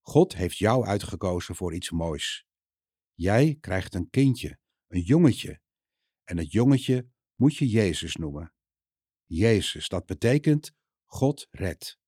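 Man voicing a gentle angel Gabriel. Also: low-pitched, very animated, slightly rough, no echo, clean studio sound, full character voice. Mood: reassuring. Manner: slow, gentle and reassuring. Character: kind male angel messenger, calm and reassuring.

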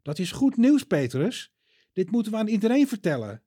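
A man voicing a kind, calm young man in a storybook reading, speaking gently and slowly. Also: medium pitch, husky, dry recording, studio quality. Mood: overjoyed.

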